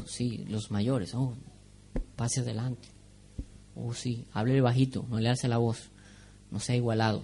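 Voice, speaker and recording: A man preaching a sermon in a conversational way, asking the congregation questions and making joking asides. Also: fairly high pitch.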